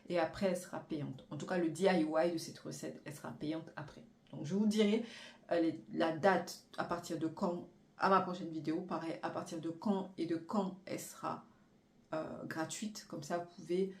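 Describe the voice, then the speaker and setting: A woman's voice: lowish voice, darkish tone. A young woman vlogging casually about her giveaway, chatty and full of fillers. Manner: chatty, many fillers and repeated "voilà". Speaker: hair care vlogger. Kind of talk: casual vlog presenting giveaway prizes.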